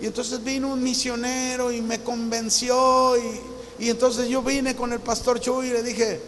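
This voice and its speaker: A pastor around sixty preaches with a notably high voice, telling his story in an earnest, personal way. His words ring out with a long reverb, and a faint hiss sits underneath. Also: flat delivery, a little slow, fairly bright tone. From Mexico. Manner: earnest storytelling, acts out remembered dialogue. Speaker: visiting pastor. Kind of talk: sermon. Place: church hall.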